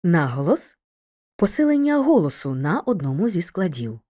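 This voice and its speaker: Woman, low voice, mellow tone, scripted lesson narration, measured and clear. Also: very animated. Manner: clear, measured delivery addressing a student. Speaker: teacher narrating a video lesson.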